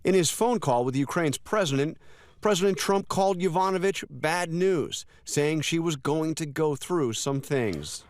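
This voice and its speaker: High-pitched American male news correspondent. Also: lively intonation, a little slow, no echo. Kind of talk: scripted news report narration.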